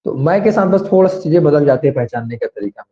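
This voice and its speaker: A man teaches grammar in an online class, speaking in a somewhat high but dark, mellow voice. He explains step by step and keeps asking students to raise their hands. The recording sounds dull and lo-fi. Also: lively intonation, quick pace.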